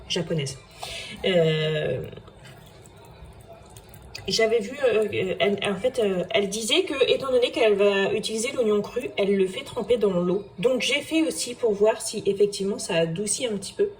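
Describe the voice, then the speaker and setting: A woman's voice: mid-range voice, a little mellow. French lady chatting while she cooks, lots of euhs, a little noise behind. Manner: chatty, hesitant, many fillers. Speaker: home cooking vlogger. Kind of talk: casual cooking vlog voice-over.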